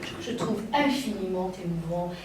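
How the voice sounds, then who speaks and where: A woman's voice: on the low side, normal speed, a little mellow, recorded from a distance, slight background noise. Art historian woman in a very echoey room. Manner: digressive, searching for words. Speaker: guest lecturer, art historian. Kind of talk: slide-show art lecture. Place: lecture room.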